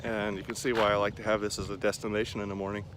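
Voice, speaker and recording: A man's voice: lowish voice, little pitch movement, very fast. A man in his forties chatting casually to camera as he paces around outdoors, rambling and self-deprecating. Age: 40s. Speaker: vlogger. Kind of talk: casual running vlog chat to camera. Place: outdoors in a park by a lake. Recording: clear outdoor ambient noise.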